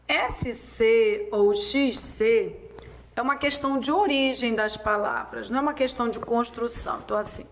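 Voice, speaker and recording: A Brazilian woman teaching a spelling lesson, dictating words slowly and drawing them out. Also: a little high, a little hiss or hum, low-quality recording. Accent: Brazilian Portuguese. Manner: slow, drawn-out dictation of words.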